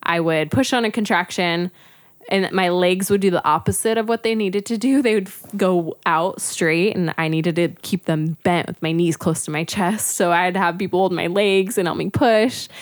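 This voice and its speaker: A woman's voice: medium pitch, unhurried, no echo, studio quality. A young woman, a podcast guest, telling a personal story casually with lots of "like" fillers. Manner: chatty, frequent "like" fillers.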